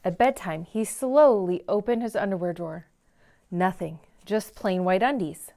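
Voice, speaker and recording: A woman hosting a story time in a library, reading a picture book aloud to children with dramatic emphasis on key words. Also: fairly high pitch. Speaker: read-aloud host in a library.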